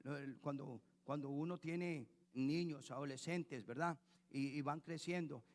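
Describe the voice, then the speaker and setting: Male pastor, slightly higher voice, sermon in a church with long hall echo, repetitive rhetorical preaching. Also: unhurried.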